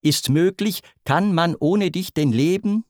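A man's voice: sits high, measured pace, darkish tone, no echo, clean studio sound, pitched above the performer's own voice. A man voicing a lovesick young male god from myth, groaning and lamenting. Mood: desperate. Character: boy god Eros, lovesick and desperate.

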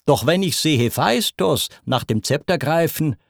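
A man's voice: a little high, lively intonation, a little slow, gravelly, dry recording, studio quality, voice pushed up, heavily acted. A man voicing an ambitious male centaur in a spoken verse epic, wondering and scheming.

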